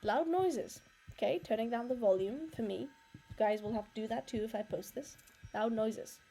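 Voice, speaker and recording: Woman gamer, fairly high and mellow voice, lively let's-play commentary over faint game music. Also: brisk, creaky, slightly rough. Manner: animated and excitable, reacts aloud with laughs. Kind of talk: casual gameplay commentary, reading dialogue aloud.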